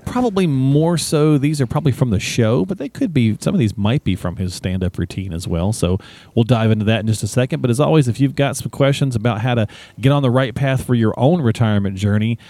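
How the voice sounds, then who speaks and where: A man's voice: mid-range voice, brisk, mellow, dry recording. A man co-hosting a podcast, chatty and easygoing, asking questions. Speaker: podcast co-host. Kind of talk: casual podcast chat.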